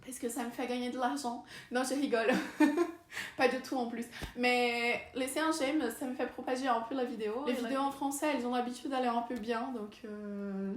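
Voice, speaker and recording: Young woman vlogger, chatty and unsure, slightly high voice, roomy echo. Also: steady tone, normal speed. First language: Portuguese. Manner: chatty and unsure, with fillers and a laughing aside. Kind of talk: casual chat to camera. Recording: echoey room.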